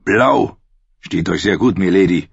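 Man reading as a cynical, mocking knight, deep and husky, dry sound. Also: measured pace, dry recording, exaggerated voice. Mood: teasing. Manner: dry, sardonic. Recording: dry, slightly dull studio audio.

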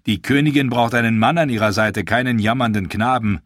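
A man's voice: medium pitch, lively intonation, fairly quick, fairly bright tone, no echo, clean studio sound, voice pushed up. Man playing a scornful swaggering sellsword. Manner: scornful, taunting. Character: mocking swaggering male sellsword.

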